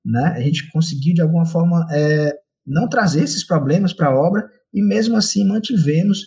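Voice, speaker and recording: A man's voice: fairly high pitch, moderate pace, dark tone. A young Brazilian man, a comics artist, talking casually and rambling with lots of fillers and tag questions. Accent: Brazilian Portuguese. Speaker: comics artist and co-author of an adaptation. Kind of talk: conversational interview talk.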